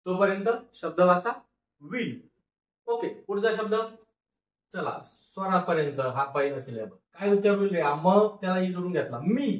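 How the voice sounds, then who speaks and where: A man's voice: sits high, animated. Phonics teacher, male, stretches syllables and repeats words; roomy, slightly distant sound. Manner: slow, drawn-out syllable-by-syllable sounding out, repeats each word. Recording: echoey room, voice a bit far from mic.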